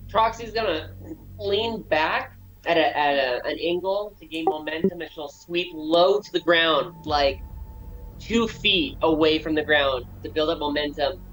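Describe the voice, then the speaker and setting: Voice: medium pitch, measured pace, music in the background, poor audio. A player in a tabletop game who talks in a casual, joking way.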